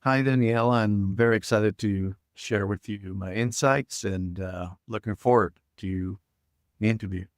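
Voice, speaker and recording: Speaking unhurriedly in a lowish voice, this middle-aged man from Israel chats as a guest in a casual podcast interview, full of hesitations and fillers. The studio-quality audio has no room sound.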